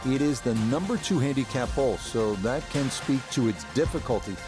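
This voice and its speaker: A man's voice: medium pitch, lively intonation, brisk, natural voice. A man giving play-by-play as a golf commentator, with a polished broadcast delivery. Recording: music and crowd behind the voice. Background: music, crowd.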